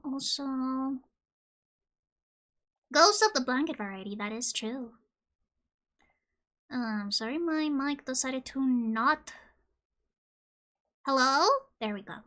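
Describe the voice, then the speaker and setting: A woman from Colombia streaming casually, joking and reading game questions aloud, with sudden loud squeals. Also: high-pitched, slow pace, pauses often.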